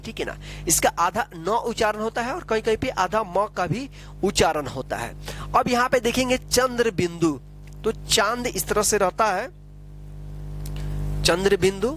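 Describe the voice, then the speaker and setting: A patient teacher, a man, explains a lesson step by step. He keeps asking questions and answering them himself, with soft music faintly behind him. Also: sits high. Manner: slow, patient explaining with frequent tag questions.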